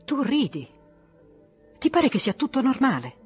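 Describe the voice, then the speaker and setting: A woman's voice: mid-range voice, expressive, moderate pace, soft background music, natural voice. A woman reading the part of an agitated, worldly middle-aged man who reproaches an old friend, in an audiobook. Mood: indignant. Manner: reproachful, emotionally charged.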